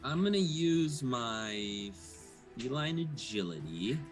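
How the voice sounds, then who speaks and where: A man's voice: medium pitch, sing-song, takes it slowly, soft background music. A man playing a tabletop game, talking casually through his moves.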